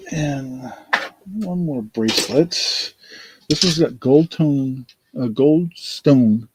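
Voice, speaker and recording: Gravelly, tired man running a casual auction. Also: mid-range voice, a little hiss or hum, rough recording. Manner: unhurried, rambling, thinks aloud with many fillers. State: tired, yawning. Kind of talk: casual live-stream auction talk.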